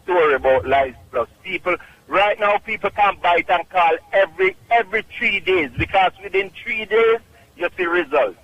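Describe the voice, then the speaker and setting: A man's voice: high voice, expressive, normal speed, fairly bright tone, lo-fi sound, a little hiss or hum. A man with a Jamaican accent calling in to a radio show, talking emphatically and insistently. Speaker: radio caller. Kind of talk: phone-in testimonial.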